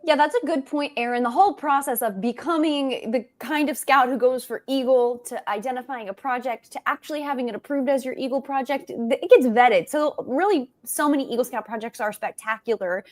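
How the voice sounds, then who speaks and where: A woman's voice: sits high, fairly quick, hardly any pauses. A woman hosting a show, upbeat and enthusiastic as she introduces and questions a guest. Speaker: host.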